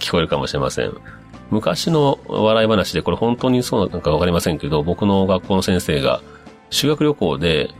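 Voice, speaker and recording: Male host, very low voice, relaxed chatty reader of listener messages, light music bed. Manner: relaxed, chatty, with frequent fillers and musing asides. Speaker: podcast host. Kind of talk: casual radio-style talk reading listener messages.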